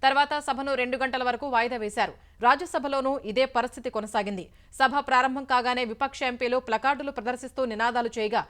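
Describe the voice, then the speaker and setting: A woman news anchor reading the bulletin in a brisk, formal newsreader manner. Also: high voice, fairly bright tone, clean tone.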